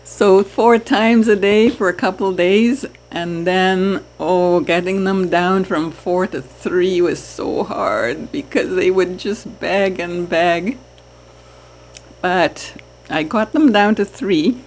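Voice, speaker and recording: A woman from Trinidad chatting casually to her viewers about keeping fish, with soft laughs. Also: fairly low pitch, slight background noise. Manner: slow, chatty, laughs softly. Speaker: aquarium hobby vlogger. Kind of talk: casual chat to camera.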